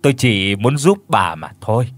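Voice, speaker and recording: A man voicing a calm, wise old man who speaks in a gentle, measured way. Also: on the low side, dry recording. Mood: solemn.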